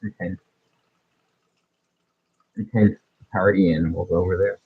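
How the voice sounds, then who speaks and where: A streamer co-host speaks in a low, steady, slightly rough voice at a somewhat slow pace, chatting in a laid-back way and trailing off with fillers. A lo-fi earbud mic leaves him muffled, as though heard through a wall or underwater.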